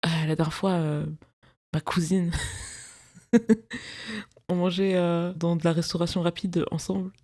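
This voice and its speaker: A woman's voice: fairly low pitch, fairly even intonation, unhurried, pauses often, mellow. A woman in her twenties from France, hosting her own podcast from her bedroom in casual, digressive chat full of slang and laughter. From France, of Cameroonian parents. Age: 20s. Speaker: podcast host.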